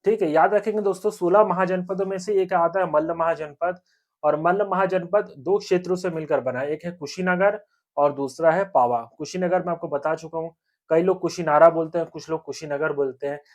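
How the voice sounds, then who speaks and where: A young man's slightly high voice runs an exam-prep history lesson. He keeps asking quick questions and answering them himself, repeats the key points, and checks in with his listeners every few lines. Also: steady tone. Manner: repetitive, asks and answers own questions; frequent 'theek hai friends' check-ins. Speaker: teacher.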